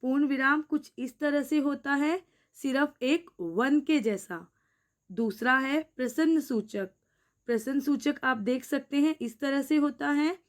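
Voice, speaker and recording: A woman teaching a grammar lesson in a slow, careful way, pausing often so every point sinks in. Her voice sits a little high. She talks to her viewers as friends. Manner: slow, deliberate explaining, addresses viewers as friends. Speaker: teacher and channel host. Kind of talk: scripted Hindi grammar lesson.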